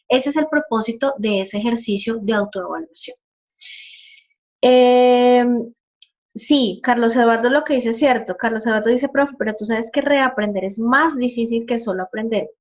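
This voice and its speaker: A woman's voice: on the high side, muffled recording. A woman teacher giving a live online class, answering students patiently with examples and frequent checks for understanding.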